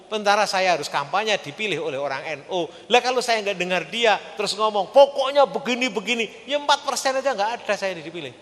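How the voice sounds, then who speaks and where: A middle-aged man giving an animated religious lecture and asking the audience questions. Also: high voice, quick pace, hardly any pauses. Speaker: speaker at a religious training. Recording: long hall reverb.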